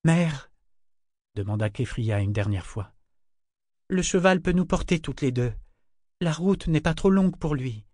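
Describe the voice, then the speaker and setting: A distraught young woman who cries out in high, strained bursts, her voice jumping well above the reader's own, as a man reads her part. It is a close, dry audiobook recording. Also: expressive, measured pace, pauses often, a little mellow, dry recording. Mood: pleading. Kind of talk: audiobook character voice.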